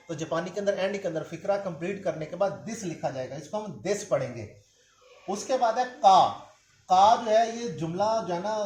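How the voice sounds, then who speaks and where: High-voiced man teaching in an echoey room. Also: darkish tone, slight background noise. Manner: patient, repeats words slowly for drilling. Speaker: language teacher. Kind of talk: classroom-style video lecture.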